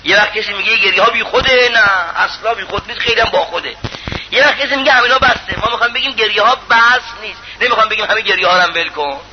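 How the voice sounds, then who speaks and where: A man preaching a sermon in an impassioned, pleading way, swinging between loud appeals and hushed lines. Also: high-pitched. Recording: muffled lo-fi recording with faint hiss.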